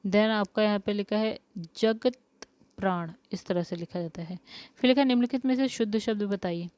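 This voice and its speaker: In a dry recording, a woman teacher leads a spelling lesson aimed at exam preparation, posing each question before answering it step by step. Her mid-range voice is smooth and darkish, moving at a moderate pace.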